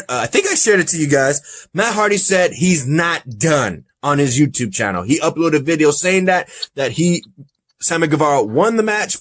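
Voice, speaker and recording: Male podcast host, lively and laughing, slightly high voice. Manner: animated, laughing, reads results aloud. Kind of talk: casual review chat.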